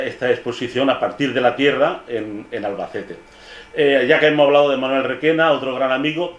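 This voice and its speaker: Older male painter, mid pitch, casual storyteller, halting restarts, echoey library room. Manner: digressive, halting, with frequent restarts and asides. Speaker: painter presenting his book. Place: public library hall.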